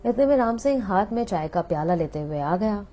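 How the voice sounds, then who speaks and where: Woman narrating a story, mellow voice. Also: mid-range voice, expressive, fairly quick. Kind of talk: first-person story narration. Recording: dull lo-fi audio with faint background music.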